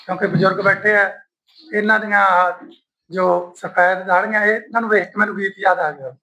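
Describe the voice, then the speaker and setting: A Punjabi lyricist with a strained throat, speaking at an honour ceremony and singing his own songs slowly between remarks. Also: high-pitched, fairly even intonation, pushed and bright, poor audio. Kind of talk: speech with sung verses at an honour ceremony.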